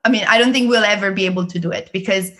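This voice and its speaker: A woman with an Italian accent, a guest in an interview, explaining learning techniques in a lively way and laughing often. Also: medium pitch, very fast. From Italy. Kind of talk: interview conversation.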